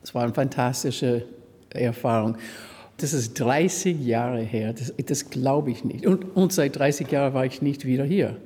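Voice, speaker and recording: A woman opera singer who teaches a master class, speaking enthusiastically in slightly halting sentences. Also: rumbling low, dark tone, breathy edge, big-room sound. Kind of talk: interview remarks.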